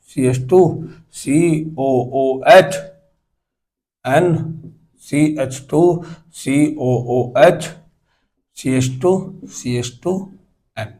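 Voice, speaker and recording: A man's voice: fairly high pitch, a little mellow, poor audio. Man teaching chemistry. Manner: asks students questions, counts aloud while drawing. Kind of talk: classroom lecture.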